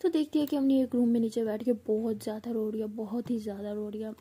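Husky, dark-voiced woman storyteller. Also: a little high, steady tone, quick pace. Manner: conversational, repetitive retelling. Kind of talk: casual storytelling narration.

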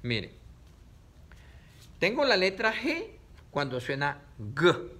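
A man teaches children to read, sounding out each word slowly and repeating it. His bright, lively voice leaps up and down in pitch as he coaxes them along. He speaks to a camera set up in front of him. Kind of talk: slow, syllable-by-syllable reading lesson.

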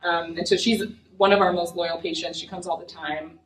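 A young adult American woman, a physician, gives an earnest, conversational academic lecture with many fillers, in a lowish voice with a level tone and moderate pace. A far room mic picks her up in an echoey lecture room, with a little hiss or hum.

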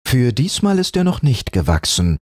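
A man voicing a mother in a fairy tale audiobook, gently scolding. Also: mid-range voice, huge pitch swings, normal speed, slightly rough, no echo, clean studio sound, voice pushed up. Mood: fondly chiding.

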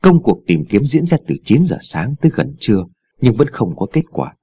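A man narrating a ghost story in a dramatic, expressive reading on a close mic. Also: mid-range voice, moderate pace, slightly rough, no room sound.

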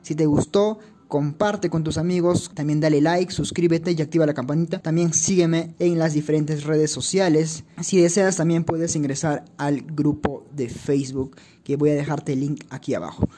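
Calm low-pitched woman teaching vocabulary. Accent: Peruvian Spanish. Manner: calm, deliberate, repeats each word twice. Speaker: language teacher, channel host. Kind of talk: slow vocabulary lesson, repeating each word.

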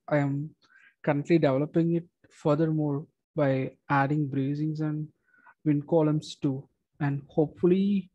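A young man steps through his engineering software in a measured, methodical way, pausing on fillers and restarting phrases. His voice sits fairly high but sounds mellow. The recording is dull and dry, like a simple desk microphone. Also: no room sound. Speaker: structural engineer demonstrating software. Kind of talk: screen-recorded software walkthrough.

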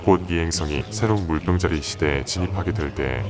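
A man voicing a solemn male alien messenger in a disguised, deep, modulated voice with a grave, speech-like delivery. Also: fairly quick, over music.

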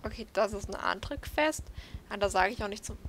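A woman's voice: mid-range voice, fairly quick, a bit bright, slight background noise. A woman giving casual, playful commentary while she plays a horse-riding game, talking to herself. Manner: chatty self-talk, playful. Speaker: let's play host.

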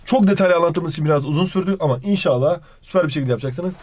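A young man teaching an exam-prep grammar lesson, quickly asking and answering his own questions, recorded close and dry. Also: fairly high pitch, darkish tone.

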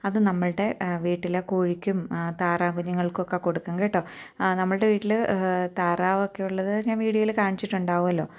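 A woman's voice: lowish voice, flat delivery, a little fast, darkish tone. A young adult woman with a Keralite Malayalam accent, giving chatty voice-over narration for a home cooking vlog and often turning to ask viewers for their thoughts. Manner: chatty, tags many sentences with a friendly aside, asks viewers to share. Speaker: cooking vlogger. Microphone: voice-over recorded separately.

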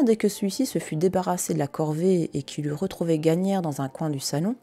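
A woman's voice: fairly low pitch, mellow. A woman host reading a classic novel aloud on a live stream, with casual, chatty asides between passages.

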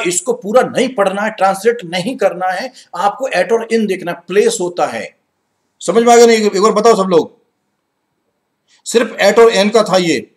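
In this Hinglish live online lesson, a male exam-prep teacher with an Indian accent covers English grammar in a high-pitched voice. He sounds lively and persuasive, reading sentences at a slow pace and muttering quietly as he goes over answers.

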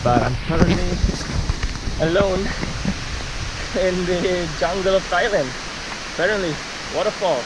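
Young male travel vlogger, a touch high-voiced, chatty while hiking, camera at arm's length, stream and rain noise clear behind. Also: a little slow, long pauses. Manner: chatty, thinking aloud while walking. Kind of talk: casual hiking vlog narration. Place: outdoors on a rainy jungle trail. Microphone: action camera held at arm's length.

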